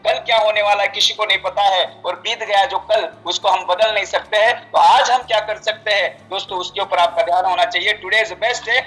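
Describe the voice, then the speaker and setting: A man's voice: steady tone, a little fast, hardly any pauses, pushed and bright, faint music behind, poor audio. Man, network marketing promoter, slide presentation, salesy, repetitive, mixes in English phrases. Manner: salesy pitch, keeps saying "friends", slips into English phrases; repeats and restarts words.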